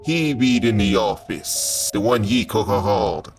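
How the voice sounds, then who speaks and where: A man's voice: fairly low pitch, lively intonation, measured pace, over music. A man voicing a broken robotic pirate fox that stutters and crackles with static. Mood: glitching, grave.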